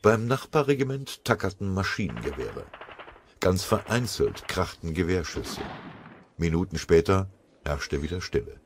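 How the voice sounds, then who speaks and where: A man narrating a war audiobook in a grave, measured way. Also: deep voice, animated, background noise. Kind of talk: scripted war story narration.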